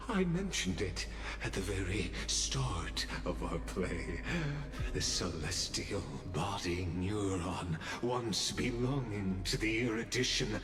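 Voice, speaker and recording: Low-voiced male villain, theatrical menace, very slow delivery, video game dialogue, echo, music behind. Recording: echoey, with loud music.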